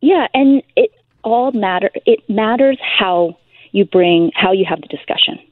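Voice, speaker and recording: A Canadian woman, a politician, speaking in a measured, earnest way as a guest on a radio talk show over the phone. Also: medium pitch, lively intonation, dry recording. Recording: tinny phone line.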